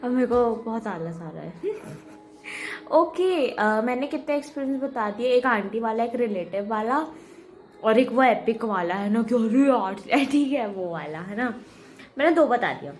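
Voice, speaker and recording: A woman's voice: on the high side, animated, a little slow, a little hiss or hum. A young woman chatting casually and rambling, full of fillers and self-corrections. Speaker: arts student vlogger. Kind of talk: casual chat.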